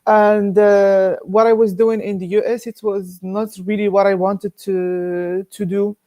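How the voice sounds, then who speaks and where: A man's voice: sits high, flat delivery, unhurried, mellow. A young man from Morocco, an engineering student answering interview questions hesitantly, with many fillers.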